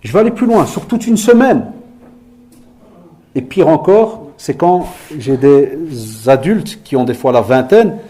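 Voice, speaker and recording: A middle-aged male preacher speaks to a congregation, mixing teaching with lively stories. His voice sits a little high yet sounds mellow and warm. He often drops to a soft hush to act out conversations. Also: measured pace. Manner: lively storytelling, acting out dialogue in a hushed voice. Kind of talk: sermon with storytelling.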